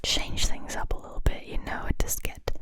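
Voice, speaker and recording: A woman whispering softly and breathily right up close to the microphone, ear to ear, chatting casually to viewers in ASMR style. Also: moderate pace. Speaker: ASMR video creator and host.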